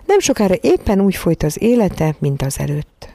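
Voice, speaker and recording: A woman reading a children's storybook aloud in a calm, measured way. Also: on the low side, gravelly. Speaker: narrator.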